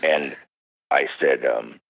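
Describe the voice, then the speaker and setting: A man's voice: slow pace, gravelly, husky. An older man, a parapsychologist, telling a story on a radio interview and acting out the voices of the people in it. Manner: acts out quoted voices, swoops high when excited. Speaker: parapsychologist guest. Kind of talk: animated storytelling. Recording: dull lo-fi radio interview audio.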